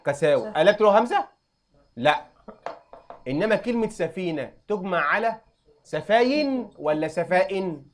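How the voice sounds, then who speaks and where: A man's voice: high-pitched, sing-song. Egyptian man quizzing a class. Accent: Egyptian Arabic. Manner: quizzing students with quick questions. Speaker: Arabic teacher. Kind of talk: classroom lesson.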